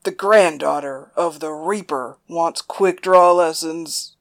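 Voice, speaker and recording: A woman voicing a boastful, smooth-talking male gunslinger in an audiobook. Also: sits low, takes it slowly. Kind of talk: audiobook character voice.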